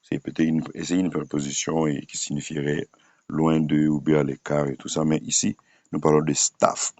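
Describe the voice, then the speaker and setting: A man teaching English pronunciation to French speakers, slowly saying each word several times with many hesitation fillers. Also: rumbling low, a little mellow, no echo. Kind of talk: screen-shared phonics lesson.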